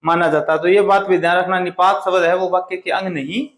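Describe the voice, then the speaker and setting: A man teaching a Hindi grammar lesson, reading example sentences slowly and stressing the key words. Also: sits high, little pitch movement, fairly bright tone. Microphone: phone camera on tripod. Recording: echoey room.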